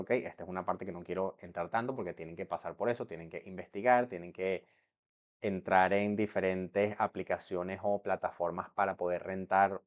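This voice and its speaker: A man's voice: fairly low pitch, dull audio. A young man from Venezuela explaining to camera how he moved abroad, in a chatty way that keeps checking in with the viewer. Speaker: vlogger.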